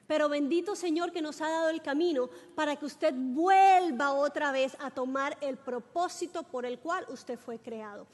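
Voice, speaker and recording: A woman preacher giving an animated sermon, talking straight to the congregation and breaking into shouts for emphasis. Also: high-pitched, normal speed, hardly any pauses, long reverb tail. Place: church sanctuary.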